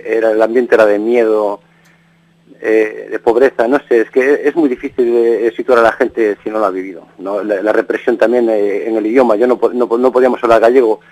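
Heard over a rough radio recording, a Galician man in middle age speaks on the low side with a darkish tone. He's being interviewed and reminisces casually, wandering off, starting his sentences again and ending them with questions.

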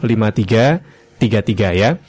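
A man's voice: fairly low pitch, expressive, a little mellow, slightly rough. Polite male radio host. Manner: polite, measured, addresses listeners directly. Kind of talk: live radio hosting of a religious lesson.

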